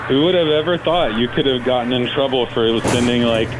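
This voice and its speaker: A man's voice comes through a noisy payphone line from a jail, urgent and pleading. He sits at a middling pitch, and steady hiss rides under every word. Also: fairly quick. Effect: collect call over a jail payphone line. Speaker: caller.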